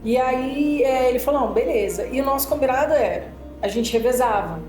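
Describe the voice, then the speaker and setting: A woman's voice: sits high, fairly quick. A woman with a Brazilian accent chatting casually, telling a personal story full of fillers. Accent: Brazilian Portuguese. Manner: animated storytelling with many fillers. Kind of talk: casual chat. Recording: roomy sound with music behind.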